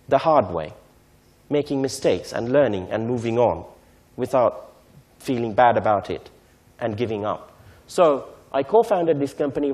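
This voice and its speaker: A man, giving a measured, explanatory lecture to a conference audience and often checking in with "right?". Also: medium pitch, darkish tone. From Sri Lanka. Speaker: invited speaker on technology transfer.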